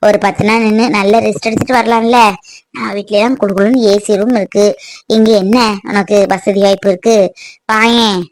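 A woman's voice: mid-range voice, steady tone, normal speed, pitched below the performer's own voice, natural voice, poor audio. A woman voicing a middle-aged mother in a cartoon, coaxing and insistent.

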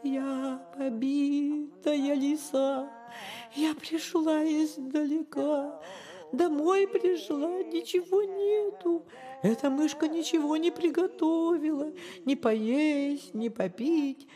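A woman voicing a sly, greedy female fox in a storybook cartoon, wailing and sing-song, turning shrill when upset. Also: sing-song, measured pace, a little mellow, long reverb tail, faint music behind. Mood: lamenting song. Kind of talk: storybook character voice.

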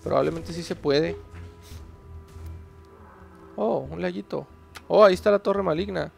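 Gravelly man narrating gameplay. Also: sits high, measured pace, a little mellow, faint music behind. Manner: chatty, talks to himself and the viewer while playing. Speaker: gaming channel host. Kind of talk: casual gameplay commentary.

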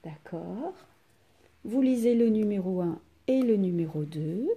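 Slow, husky French schoolteacher woman. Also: medium pitch, lively intonation, dark tone. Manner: slow, clearly articulated, stretches out sounds. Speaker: primary school teacher. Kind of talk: recorded reading lesson for young pupils.

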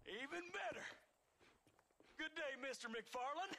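A sneering American Wild West kidnapper for a video game. The voice is very high, drawling and mockingly menacing, with faint noise and hooves behind it. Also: male voice, animated, measured pace, bright, forceful tone, exaggerated voice. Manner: drawling, mocking, sing-song taunts. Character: taunting, menacing male Western outlaw kidnapper. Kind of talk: video game cutscene acting.

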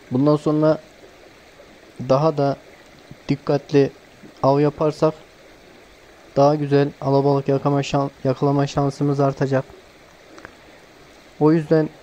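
A man narrating his fishing trip outdoors on a stream bank in a calm, casual way, giving tips to viewers while filming first-person. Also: on the high side, slight background noise. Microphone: handheld camera filming first-person.

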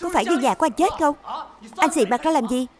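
A woman's voice: sits high, lively intonation, racing, a crowd in the background. A woman voicing a rude and provoking man who jumps a queue, in a plain dubbed reading. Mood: insulting. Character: rude, hostile male queue jumper.

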